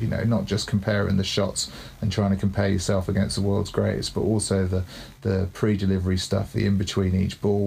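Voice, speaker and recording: Gravelly man talking cricket coaching. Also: fairly low pitch, a little mellow, slight background noise. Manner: thoughtful, explaining, tag questions. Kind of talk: casual podcast chat.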